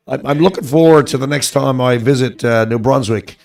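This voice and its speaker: A man commentating a curling match, chatting in a relaxed way with many fillers. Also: medium pitch, moderate pace, vocal fry. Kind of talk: sports commentary.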